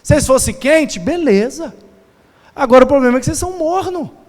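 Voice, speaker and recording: A man preaching a sermon as pastor, playful and animated, mimicking sounds and shouting for emphasis. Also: extremely high pitch, brisk. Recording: long hall reverb.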